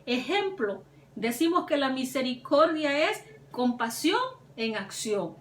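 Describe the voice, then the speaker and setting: Woman preaching a sermon, high voice, fervent, sounds roomy and a bit far from the mic. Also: sing-song, slow pace. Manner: fervent preaching, voice climbing on emphasized words. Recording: echoey room, mic at a distance.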